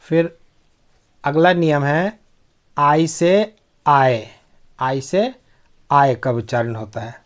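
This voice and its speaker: A man's voice: a little high, drawn-out words, pauses often. A man giving a pronunciation lesson, spelling words out letter by letter, repeating each word and checking that his listeners follow. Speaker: English pronunciation teacher.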